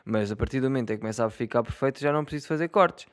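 A man's voice: medium pitch, racing. Joking young Portuguese man rambling. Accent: European Portuguese. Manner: joking, rambling, swears freely, laughs at own jokes. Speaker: solo podcaster. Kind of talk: casual solo monologue to viewers.

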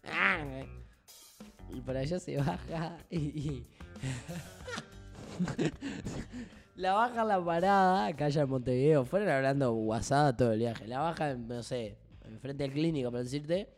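A young man with a Uruguayan Spanish accent, chatting casually and telling an animated anecdote. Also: medium pitch, measured pace, soft background music. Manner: animated, acts out voices in anecdotes. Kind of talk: casual chat, storytelling.

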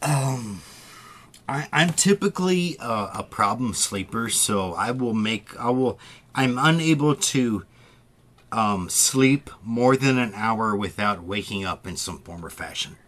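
Man, middle-aged, from the Midwest, casual podcast chat, bright tense voice, halting restarts. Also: on the low side, expressive. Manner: halting, stammering restarts, laughs easily. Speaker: podcast co-host.

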